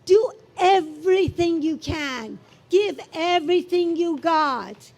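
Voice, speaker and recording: Woman, unhurried, very high voice, stirring rally-style speaker. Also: lively intonation, lo-fi sound. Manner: rousing, builds to shouts. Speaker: fundraiser speaker. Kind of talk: impassioned rally speech. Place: outdoor beer garden event.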